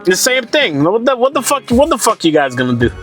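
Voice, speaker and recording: A man's voice: very high-pitched, very animated, a little fast, a bit bright, faint music behind. A young man ranting casually about gaming prices, profane, rambling and sarcastic. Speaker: gaming commentator. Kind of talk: casual rant to camera.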